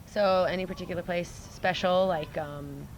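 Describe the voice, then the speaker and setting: A woman's voice: lowish voice, fairly even intonation, normal speed, lo-fi sound, slight background noise. A woman from New York interviewing a guest, chatty and prompting with loose phrasing. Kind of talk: casual interview.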